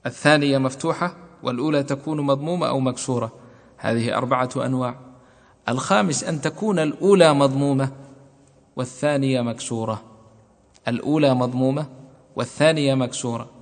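A man's voice: mid-range voice, fast talker, pauses often. Man, lesson on recitation rules, methodical, repeats himself, reverberant hall. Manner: repetitive, methodical, asks and answers his own questions. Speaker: teacher of Quran recitation rules. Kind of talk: classroom lesson explaining verse.

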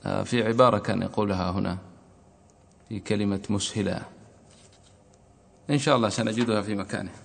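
A man teaching a recitation lesson in a deliberate, explanatory manner, slowly repeating his examples. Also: fairly low pitch, vocal fry. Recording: long hall reverb.

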